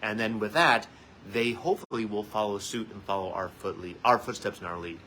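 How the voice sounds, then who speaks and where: A man's voice: on the low side, brisk, sharp tone, a little hiss or hum, rough recording. A man, a family therapist, talking parents through advice in an earnest, conversational way. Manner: earnest and conversational, with frequent "so" and "you guys". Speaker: licensed marriage and family therapist; host of a weekly parenting tips segment. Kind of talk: casual spoken advice to parents.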